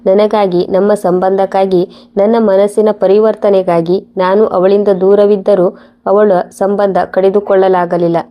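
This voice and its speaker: Flat-voiced woman narrating a story. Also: medium pitch, measured pace, highs cut off. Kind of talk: scripted first-person story narration.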